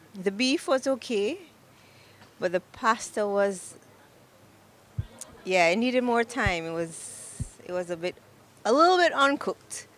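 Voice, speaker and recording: Slow, lower-pitched female competition judge. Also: fairly bright tone. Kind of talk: spoken critique.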